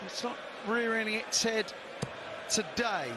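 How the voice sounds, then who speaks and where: A man with a high voice provides live darts commentary at a slow pace, analysing the play conversationally. Loud noise from the darts crowd fills the background behind him.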